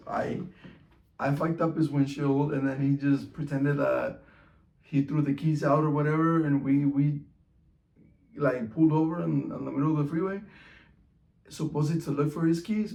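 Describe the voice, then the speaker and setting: A man with a slightly high, gravelly voice tells a personal story in a loose, slangy monologue. He keeps dropping "like" and "bro" and swears freely. The sound bounces around an echoey room. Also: a little mellow. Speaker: vlogger.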